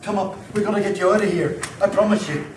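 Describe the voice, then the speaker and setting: A man's voice: high-pitched, fairly even intonation, quick pace, lightly acted. A man playing a soothing, urgent fireman. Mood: urgent, coaxing. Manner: soothing and urgent, repeats his coaxing. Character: reassuring male fireman rescuing survivors. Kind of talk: amateur audio drama. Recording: roomy, distant mic, ambient noise.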